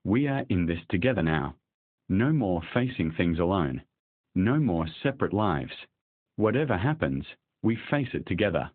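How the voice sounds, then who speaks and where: Earnest young billionaire husband, read by a man in a low, husky voice; dry, phone-thin sound. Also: big pitch swings, moderate pace, dry recording, narrow, tinny audio. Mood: firm.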